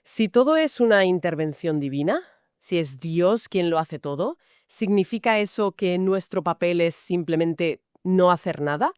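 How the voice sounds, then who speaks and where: A woman's voice: lowish voice, animated, unhurried, darkish tone, clean tone, dry recording, clean studio sound. A woman from Spain co-hosting a Bible study podcast, asking and clarifying points. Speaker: podcast co-host.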